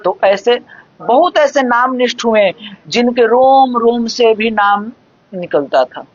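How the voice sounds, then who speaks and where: Brief: scripture-discourse speaker, very slow and measured, dull lo-fi recording. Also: medium pitch, animated, dry recording. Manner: measured, explanatory, recites verses slowly. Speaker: devotional scripture expounder. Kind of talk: devotional discourse explaining scripture.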